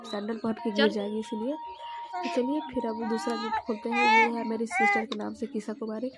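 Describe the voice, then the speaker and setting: A woman's voice: a little high, brisk. A young woman with a Bihari Hindi accent, talking viewers through an unboxing in a casual vlog. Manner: chatty, addresses viewers directly. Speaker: vlogger, mother. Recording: loud background noise.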